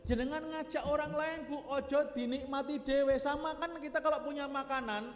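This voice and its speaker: A man's voice: extremely high pitch, fairly even intonation, normal speed. A man with a Javanese accent preaching a Sunday morning sermon in a mosque, folksy and joking with the congregation. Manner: folksy, joking with the congregation, mixing in local speech. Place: mosque hall. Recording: echoey mosque hall, long reverb.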